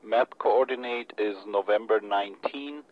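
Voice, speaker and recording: A man's voice: lowish voice, measured pace. A man relaying message traffic over two-way radio with static, in formal procedure and clipped phrases, reading numbers digit by digit. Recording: muffled, noisy radio with static.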